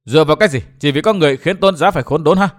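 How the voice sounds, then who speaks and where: A man voicing a calm, grave young male sect leader in an audiobook, speaking in a low, subdued voice. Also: very fast, close to an everyday voice.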